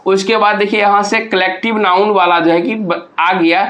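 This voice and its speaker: High-voiced male teacher in an echoey room. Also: little pitch movement, normal speed, fairly bright tone. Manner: explains step by step with repeated rhetorical questions. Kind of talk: exam answer walkthrough. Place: hot room with a towel in use.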